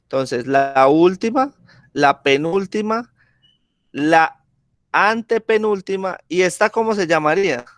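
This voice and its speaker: Guy teaching class on a video call, super slow, keeps asking "¿sí?", dry close sound. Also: high-pitched, no room sound. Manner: slow, patient, checks in with frequent "¿sí?". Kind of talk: classroom grammar lesson.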